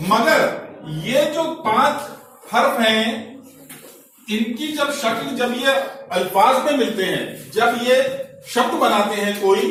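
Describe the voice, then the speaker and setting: A man's voice: extremely high pitch, fairly bright tone. A man teaching Urdu letters in a classroom, explaining patiently and often checking "ठीक है?". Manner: slow, explanatory, repeats each letter with example words and checks "ठीक है?". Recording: very echoey room, mic far off, faint noise.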